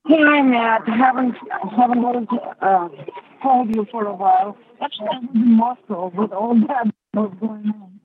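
A woman's voice: on the high side, moderate pace, slight background noise. A woman caller with a Russian accent, blunt and dismissive, talking on a speakerphone held away from her. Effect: on a speakerphone, phone held away from her. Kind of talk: call-in radio talk. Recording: distant, tinny speakerphone call line.

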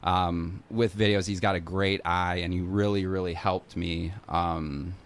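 A man's voice: deep voice, fairly even intonation, unhurried, slight background noise. A North American man chatting casually as a musician guest, in a hesitant, rambling, informal way. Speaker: musician being interviewed. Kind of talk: casual interview chat.

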